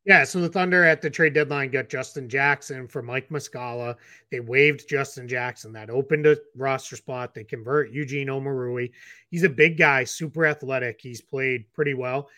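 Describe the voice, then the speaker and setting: A man's voice: medium pitch, pushed and bright, no room sound. A man with a Boston accent gives casual podcast analysis of basketball roster moves. His delivery is loose and chatty, packed with "um"s and false starts. The recording is close and dry. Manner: quick rundown with frequent fillers and restarts. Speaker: NBA analyst co-host.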